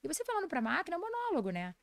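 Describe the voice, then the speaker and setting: A woman in her forties with a Brazilian Portuguese accent, a nutritionist and lecturer telling stories fast and with animation in a casual podcast interview. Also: very high-pitched, wildly swooping pitch, gravelly, no echo. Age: 40s.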